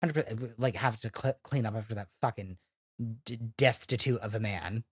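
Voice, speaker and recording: Her extremely low, slightly rough voice moves at normal speed as this thirtysomething podcast co-host rants about reality TV. The casual recap is packed with swearing and acted-out quotes.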